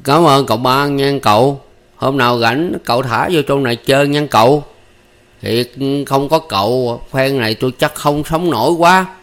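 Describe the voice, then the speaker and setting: A man's voice: medium pitch, normal speed, lightly acted. A man voicing a young injured husband with a Southern Vietnamese accent, weary, blunt and rustic. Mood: resigned. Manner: blunt, rustic, half-joking.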